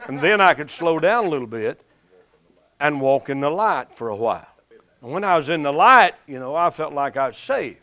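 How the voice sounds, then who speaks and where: A man's voice: fairly high pitch, big pitch swings, pushed and bright. A man with an Appalachian accent preaching in a folksy storytelling way, drawing out words for emphasis. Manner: folksy, deliberate phrasing with drawn-out emphasis. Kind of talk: storytelling sermon.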